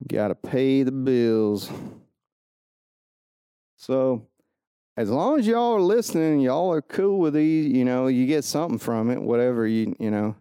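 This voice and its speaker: A man's voice: mid-range voice, lively intonation, unhurried, pauses often, warm tone, clear, resonant tone, dry recording, clean studio sound. A man hosting a solo podcast, rambling goofily and joking at his own expense. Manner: self-mocking, goofy, rambling. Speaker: podcast host.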